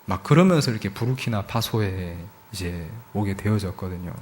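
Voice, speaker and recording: Male missionary, testimony sermon at a church gathering; lively swinging delivery, voices quoted dialogue himself. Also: on the low side. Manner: animated storytelling, acting out quoted dialogue; frequent filler words, emotional emphasis. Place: church service.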